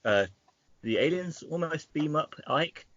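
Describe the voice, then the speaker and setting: A man co-hosting a casual podcast, recapping at length with restarts and often trailing off quietly. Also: a little high, animated, unhurried. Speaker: podcast co-host. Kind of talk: casual chat. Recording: dull lo-fi with faint noise.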